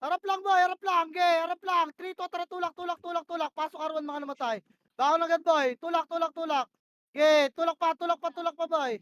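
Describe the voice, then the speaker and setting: A woman with a very high, piercing voice runs her team's plays in a tactical shooter. She snaps out short commands again and again and curses when the team lags. Her headset sound is dry and close. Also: fairly even intonation, quick pace, a bit bright, no room sound. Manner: barks short repeated commands, swears when frustrated. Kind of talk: rapid in-game voice comms.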